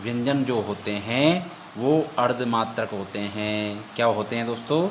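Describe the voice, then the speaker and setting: A man teaching an exam-prep lesson. He recites verses slowly and repeats each point as a question he then answers. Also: mid-range voice, steady tone, noisy background.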